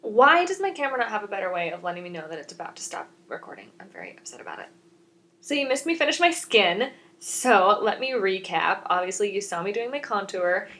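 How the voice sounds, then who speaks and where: A woman's voice: mid-range voice, lively intonation, fairly quick, a bit bright. A young woman in her twenties, a beauty vlogger, chatting and explaining each step of her makeup in a rambling, self-mocking way.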